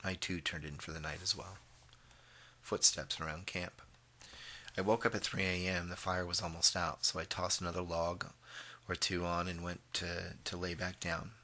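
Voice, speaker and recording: A man narrating a first-person story, halting now and then with fillers and throat clearing. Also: sits low, little pitch movement, pushed and bright.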